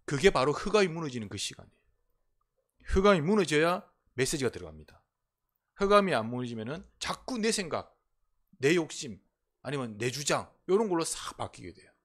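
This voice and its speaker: A Korean man preaching a sermon as a pastor in a church, swinging between emphatic proclamations and quiet, intimate asides. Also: on the high side, big pitch swings, brisk. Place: church sanctuary.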